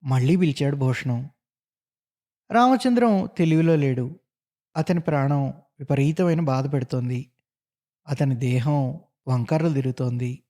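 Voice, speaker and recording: A man's voice: fairly high pitch, warm tone. A man reading a short story aloud, voicing the characters' lines himself in a dramatic way. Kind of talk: scripted narration of a short story.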